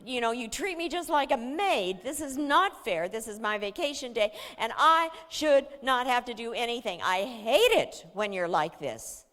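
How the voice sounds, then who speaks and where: A woman's voice: extremely high pitch, wildly swooping pitch, takes it slowly, fairly bright tone, pitched above the performer's own voice, full character voice. A woman voicing an angry sixteen-year-old girl who protests in a raised, whiny voice. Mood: indignant. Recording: long hall reverb.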